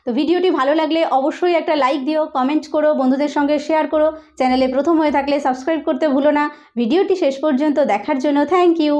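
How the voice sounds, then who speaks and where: High-voiced woman teaching pronunciation. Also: fast talker, darkish tone. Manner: explains step by step, often checks understanding. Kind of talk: teaching a lesson.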